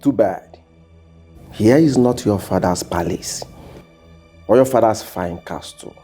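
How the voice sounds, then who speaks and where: An actor with a Nigerian accent playing a pompous, wordy young prince with a husky voice in a film drama. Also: male voice, lowish voice, takes it slowly, mellow, faint music behind, full character voice. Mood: scornful. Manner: pompous, florid.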